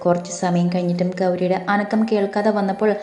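A woman narrating a romance audiobook in a calm storytelling manner. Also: on the low side, fast. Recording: echoey room, faint music.

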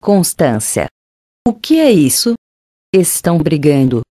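A woman narrator puts on a fussy middle-aged aunt from an audiobook, startled and exasperated. The voice is low and mellow, recorded close and dry. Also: measured pace, dry recording, close to an everyday voice. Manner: exclaiming, exasperated.

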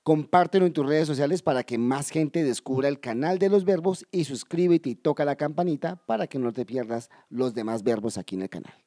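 A man teaching English in a video lesson, explaining step by step, addressing viewers directly and slowly repeating key words. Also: fairly high pitch, expressive, dark tone, no room sound, clean studio sound. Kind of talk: video lesson for Spanish speakers.

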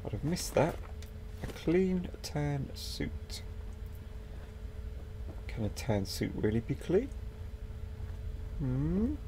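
Gravelly man commenting on a game. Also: fairly high pitch, very animated, very slow, long pauses, mellow, a little hiss or hum. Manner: chatty, swears mildly, talks to game characters. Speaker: gaming video host. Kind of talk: casual let's-play commentary.

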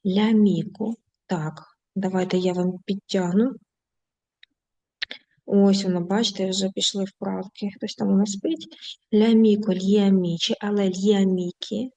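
A woman teaching an online language lesson, reading word lists slowly and patiently and speaking to her students affectionately. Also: medium pitch, level tone, a little mellow, muffled recording.

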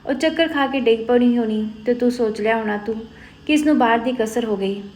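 A woman voicing a caring, practical young village woman who reasons with and gently scolds an older aunt. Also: fairly high pitch, fairly quick, natural voice. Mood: reasoning.

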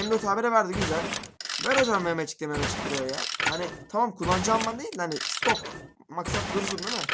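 A young man giving casual, rambling gameplay commentary to his viewers, talking very fast. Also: sits high. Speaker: gaming YouTuber. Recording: loud background noise.

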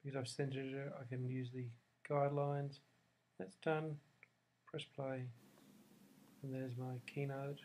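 A man talking through a software screen recording step by step, thinking aloud as he goes, recorded at his desk. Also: mid-range voice, flat delivery, measured pace, pauses often. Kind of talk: screencast tutorial narration.

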